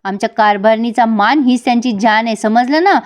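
A proud young husband who firmly and defiantly defends his wife , as a woman retelling a serial puts him on. The voice sits a little high. It is told in a chatty review style. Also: brisk, lightly acted. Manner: firm defiant.

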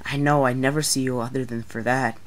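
A man's voice: mid-range voice, fairly even intonation, fairly quick, close to an everyday voice. A man voicing a chatty, confident male toy crane in a homemade toy-train story. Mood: breezy.

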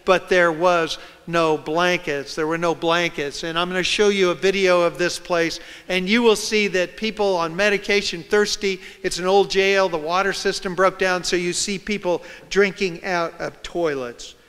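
A man's voice: high voice, steady tone, moderate pace, few pauses, a bit bright, clear, resonant tone. Dramatic male reporter in a hall. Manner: dramatic, acts out scenes and quotes. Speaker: reporter giving a public talk. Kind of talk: storytelling lecture. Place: large lecture hall. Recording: reverberant hall.

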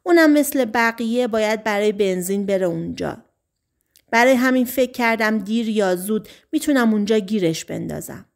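A woman's voice: mid-range voice, creaky, lightly acted. A woman voicing an eager male small-town deputy in an audiobook, dropping her voice to report what he has heard.

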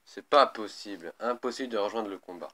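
A man's voice: on the low side, a little fast, fairly bright tone. A man commentating live on a mobile game as a raging gamer, irritable and prone to swearing. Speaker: gaming video host.

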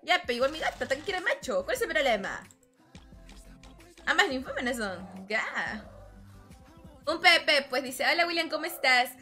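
Woman game streamer, high and bright, chatty and teasing, light music under her voice. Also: big pitch swings, unhurried, pauses often. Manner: chatty, teasing, calls viewers "hermano". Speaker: gaming livestreamer. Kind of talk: casual live-stream chat with viewers. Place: home room with her cat nearby.

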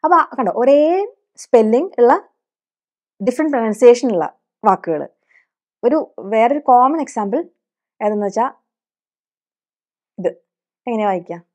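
Patient woman teacher, slightly high voice. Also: expressive, unhurried, pauses often, a little mellow. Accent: Malayali English. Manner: explains patiently with many rhetorical questions. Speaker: English teacher. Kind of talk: teaching spoken English.

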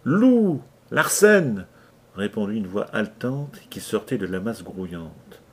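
A man narrating an adventure novel aloud in a measured, dramatic reading. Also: on the low side, darkish tone, slightly rough. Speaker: audiobook reader. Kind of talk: scripted narration.

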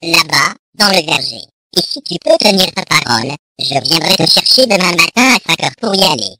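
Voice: mid-range voice, very animated, moderate pace, bright, forceful tone, dry recording, poor audio. A reader voicing a hungry, scheming big bad wolf in a storybook reading, with mock-menacing threats. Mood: wheedling.

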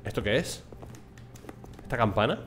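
A man's voice: fairly low pitch, animated, moderate pace, a bit bright, a little hiss or hum. A young man with a Spain Spanish accent chatting casually and swearing lightly as he plays through a game. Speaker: gameplay streamer. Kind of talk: casual let's play commentary.

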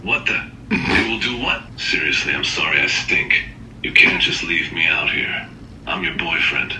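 A man's voice: a bass voice, very animated, moderate pace, creaky, very noisy, full character voice. A synthetic man's voice playing a smelly, clingy boyfriend who pleads and protests in a whiny way, played back over a speaker. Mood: pleading. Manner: pleading, increasingly upset. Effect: synthetic text-to-speech voice. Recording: echoey speaker playback, faint music.

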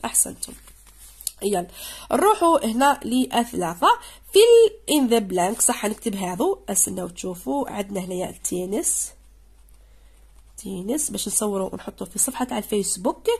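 A woman teaching English to secondary students in Algerian Arabic, going through an exam and reading out English words slowly, again and again. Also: medium pitch, lively intonation, creaky, a little mellow, breathy edge. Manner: explains in dialect, reads English slowly and repeats words.

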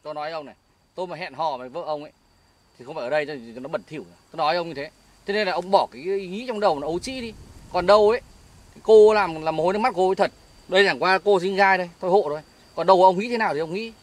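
A man's voice: high voice, racing, lightly acted. A man with a Northern Vietnamese accent playing a dismissive, defensive orchard owner who speaks curtly outdoors, in an amateur skit. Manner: dismissive, curt.

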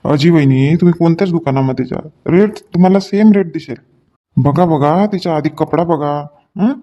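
A man playing a chatty shopkeeper in a comedy sketch, joking with customers while pitching his goods. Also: moderate pace, mellow, dull audio. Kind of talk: comic sketch acting.

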